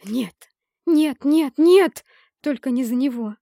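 A woman voicing a defiant young heroine who cries out in loud, indignant bursts, her voice gravelly and dry. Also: sits high, animated, takes it slowly, no room sound, pitched above the performer's own voice, heavily acted. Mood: furious.

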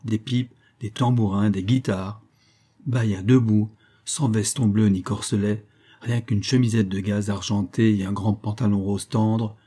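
Man, audiobook narration, measured expressive reading, low pitch, husky. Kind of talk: scripted narration of a classic novel.

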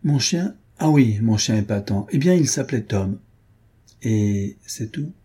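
A man's voice: lowish voice, expressive, unhurried, mellow, breathy edge. A man reading the part of a weary, sly male beetle-keeper who tells a tall tale in a languid, knowing way. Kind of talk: audiobook character voice.

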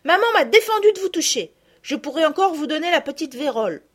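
Woman reader voicing a little girl, eager and affectionate, high bright calls, lots of lift in the line. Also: a little fast. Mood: excited. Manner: excited, high and loud calling.

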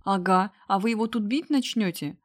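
A woman's voice: medium pitch, lively intonation, moderate pace, lightly acted. Audiobook figure: woman doing a young teen girl, stubborn and tender, speaking up for her boyfriend. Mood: defiant. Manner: defiant, then soft and whispering.

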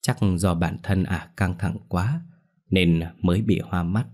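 A man narrating a ghost story in a calm, measured way. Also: sits low.

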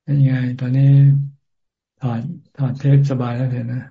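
A man, a Buddhist monk teacher, answers followers on a video call in a calm, measured and gently encouraging way. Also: mid-range voice, gravelly. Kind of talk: answering questions in a video-call dharma talk. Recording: tinny phone-like call audio.

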